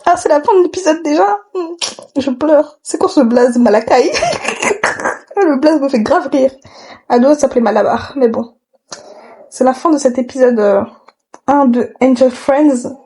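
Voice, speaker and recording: A woman's voice: high-pitched, a little slow, pauses often, a little mellow. A woman giving casual reaction commentary on a cartoon, joking, outspoken and full of slang.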